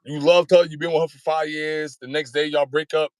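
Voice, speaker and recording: A man's voice: fairly high pitch, flat delivery, brisk, no room sound. A man in his thirties telling his story as an interview guest, rambling in slangy street talk and often asking if you follow. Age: 30s. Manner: rambling, repeats "you know what I'm saying".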